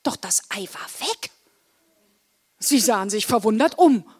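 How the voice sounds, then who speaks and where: A woman reading a children's story aloud, with an expressive, varied storytelling delivery. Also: fairly high pitch, measured pace, breathy edge. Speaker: story reader.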